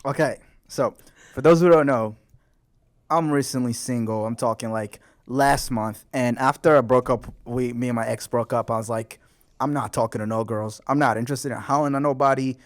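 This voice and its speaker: A man's voice: medium pitch, normal speed. A young man co-hosting a podcast, telling a story in a laid-back, slangy, profane way. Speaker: podcast co-host. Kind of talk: casual chat.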